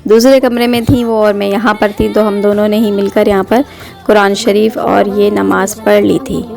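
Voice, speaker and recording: A woman in her thirties narrating her family vlog in a calm, even voice-over. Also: mid-range voice, normal speed, creaky. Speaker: family vlogger and mother. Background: soft background music.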